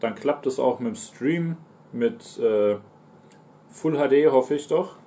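A man's voice: mid-range voice, takes it slowly, warm tone. A man in his twenties with a German accent, chatting casually on a livestream and answering viewers while he eats. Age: 20s. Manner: talks between mouthfuls, reading out and answering chat. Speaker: streamer and mukbang host. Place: small living room, indoors on a sofa.

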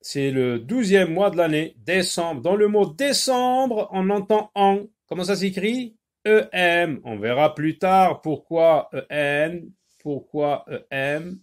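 Slow, animated man teaching phonics. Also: sits high. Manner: slow and deliberate, repeating each word to stress its sounds. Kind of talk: phonics lesson for young children. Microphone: handheld phone.

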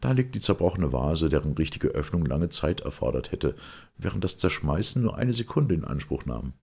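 A man with a husky voice reading a curt, urgent young man in a detective audiobook. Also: rumbling low, sing-song, moderate pace, darkish tone, exaggerated voice.

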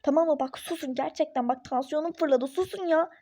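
A woman's voice: high-pitched, brisk, mellow, a little hiss or hum, close to an everyday voice. Woman voicing a fed-up young mother. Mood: exasperated. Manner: exasperated, snappish, sarcastic. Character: irritable young pregnant mother, fed up, skeptical. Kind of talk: phone-game role-play story.

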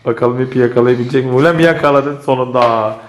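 A man with a hoarse voice filming his children at home, laughing and coaxing them in a casual family vlog. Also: medium pitch, fast. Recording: noisy home recording.

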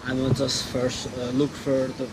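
A man's voice: medium pitch, monotone, a little slow. A young man from Nepal talking casually to an action camera he holds at arm's length while walking around a mountain valley, with lots of fillers and restarts. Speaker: travel vlogger. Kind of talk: casual vlog. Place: outdoors in a mountain valley and a small shop. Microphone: action camera held at arm's length. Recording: outdoor camera mic with loud background noise.

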